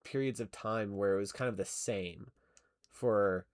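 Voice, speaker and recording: Speaking a little slowly in a lowish voice, a young stop-motion animator chats casually on a livestream as he works. He reads chat, rambles, laughs a lot, and keeps correcting himself between fillers, all in a dry, studio-quality recording.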